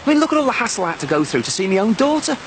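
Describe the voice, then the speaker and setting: An earnest young father with a high, lively voice who talks fast and pleads his case. Steady background noise runs under him. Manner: earnest, persuasive. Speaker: father, family friend. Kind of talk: soap opera acting.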